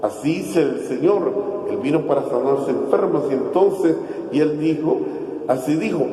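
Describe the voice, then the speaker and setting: A man's voice: fairly high pitch, moderate pace, warm tone. A man preaching a sermon as pastor, emphatic and repeating his key phrases. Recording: echoey church hall, heard from far off.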